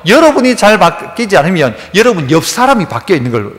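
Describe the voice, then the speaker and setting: A man's voice: sits high, sing-song, fast talker, fairly bright tone, big-room sound. A man with a Gyeongsang Korean accent, a pastor preaching a sermon in a church, who acts out everyday dialogues in a casual voice. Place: church sanctuary.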